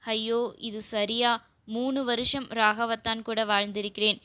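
A woman's voice: on the high side, level tone, a little slow, pushed and bright, clean tone, dry recording. A woman reading a storybook, voicing a young wife's anxious, self-questioning inner thoughts. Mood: anguished. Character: guilt-torn young wife, inner voice.

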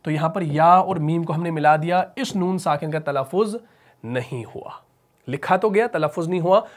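In a fairly high voice for a man, a Pakistani Urdu-accented teacher walks through tajweed step by step. He asks questions only to answer them himself, and shifts into slow, melodic chanting for the verses.

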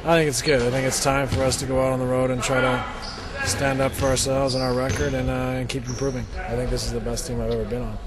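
Male pro player in his thirties, monotone and measured, press scrum in a gym. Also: medium pitch, a loud crowd. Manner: measured, thoughtful, many fillers. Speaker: basketball player. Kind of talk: post-practice media interview. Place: indoor practice gym. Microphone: cluster of handheld reporter mics.

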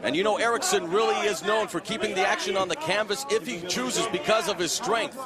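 A man calling a fight as play-by-play commentator in a measured, informative way. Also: high-pitched. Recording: loud music and arena crowd behind. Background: music, roaring crowd.

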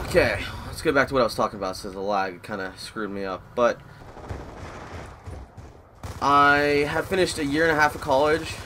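A young man in his twenties talks casually over a shooter match, drifting between personal chat and reacting to the game. His voice sits at an everyday middle pitch, with faint game noise underneath. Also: lively intonation, normal speed, long pauses. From Florida, USA. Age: 20s. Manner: rambling, easily distracted by the match. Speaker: gaming YouTuber. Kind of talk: live gameplay commentary.

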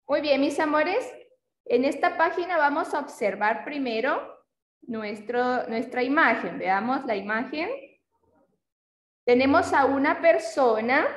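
High woman's voice, kindergarten teacher, slow and patient, echoey room. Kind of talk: online class with young children.

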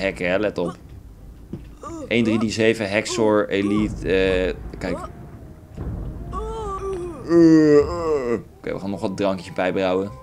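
A man's voice: low-pitched, a little mellow. A young man with a Dutch accent commentating his own game playthrough in a crude, rambling, joking way. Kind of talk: casual let's play commentary. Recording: faint game music behind.

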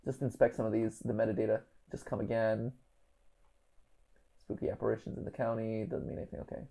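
A man in his thirties hosts a casual livestream from an indoor room, reading aloud and muttering half-finished thoughts while he works through a puzzle. His voice is lowish, gravelly, and dark-toned, with a level delivery and a brisk pace. The audio quality is poor.

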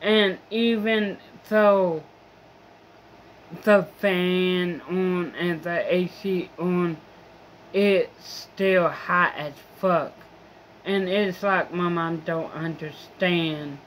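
A woman's voice: fairly low pitch, drawn-out words, slight background noise. A young woman vlogger in a rambling, profane, complaining monologue. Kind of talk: casual venting monologue.

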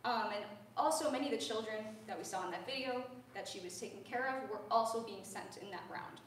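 A voice student gives a lecture recital, her fairly high, slightly fast voice earnest and young, conversational and full of ums. A far-off room camera catches her from across a large recital hall with a grand piano, so heavy reverb and a faint hiss surround her words.

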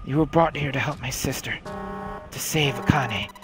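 A man voicing a desperate young man who shouts urgently while trying to save a girl. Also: mid-range voice, moderate pace, music in the background, lightly acted. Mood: determined.

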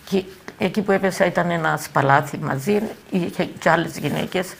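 An older woman with a Cypriot Greek accent giving halting eyewitness testimony, repeating words and phrases as she talks. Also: on the low side, vocal fry, husky. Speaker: eyewitness interviewee.

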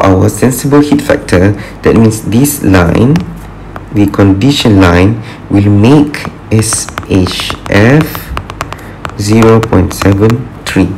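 A man's voice: on the low side, gravelly, a little mellow, slight background noise, low-quality recording. A man teaching an engineering tutorial over a screen recording, patient and thinking aloud with fillers as he works through problems. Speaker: engineering lecturer.

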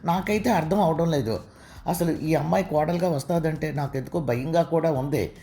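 A woman's voice: deep voice, moderate pace, warm tone. A woman voicing a fretting middle-aged mother. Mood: worried. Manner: anxious, fretting.

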